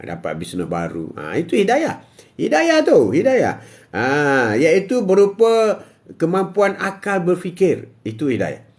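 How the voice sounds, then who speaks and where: Older Malaysian-accented male host, livestream religious talk, emphatic and repetitive, voice a little high. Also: huge pitch swings, darkish tone. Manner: repetitive and emphatic, with frequent drawn-out "ha" interjections. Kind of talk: religious talk on a live stream, answering viewer comments.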